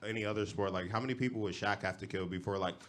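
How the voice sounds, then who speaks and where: A man's voice: on the low side, very fast. Young man doing casual stand-up. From Los Angeles. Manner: casual, slangy, deadpan delivery. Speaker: stand-up comedian. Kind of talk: stand-up comedy set. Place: comedy club stage.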